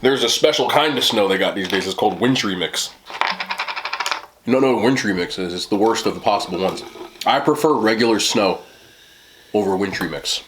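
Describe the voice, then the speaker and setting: A man's voice: fairly low pitch, lively intonation, brisk, long pauses, noisy background. A man in his thirties in casual, rambling mukbang chat, joking in slang and talking between bites as he eats. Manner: talks between bites while eating. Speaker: mukbang host. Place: small indoor room, seated at a table.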